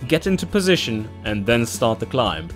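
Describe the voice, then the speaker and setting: A man hosting a let's play, commenting casually on his gameplay, animated and quick to swear and laugh in frustration. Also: medium pitch, soft background music.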